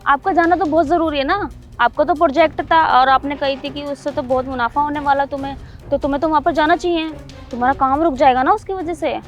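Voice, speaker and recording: High-voiced, fast-talking Indian woman arguing. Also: fairly even intonation. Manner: argumentative, defiant. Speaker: scheming wife in a short drama. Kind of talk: scripted short-video drama acting. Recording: faint background music.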